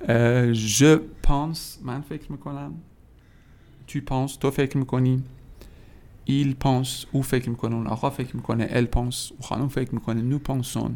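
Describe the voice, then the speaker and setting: Gravelly man teaching patiently. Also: mid-range voice. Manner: patient step-by-step explaining with fillers. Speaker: French teacher. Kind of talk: podcast language lesson. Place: indoors near a window.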